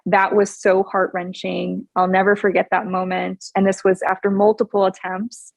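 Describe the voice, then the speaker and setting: A woman in her forties from Hawaii speaks as a guest on a podcast. She tells her story in an earnest, upbeat manner and laughs often. Her voice sits at a middling pitch, and the recording is dry and close. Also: little pitch movement, moderate pace, creaky, no room sound. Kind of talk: casual interview chat.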